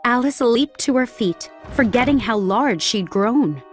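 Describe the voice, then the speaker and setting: A woman reading a children's storybook aloud in a clear, measured narration. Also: fairly high pitch, lively intonation, soft background music.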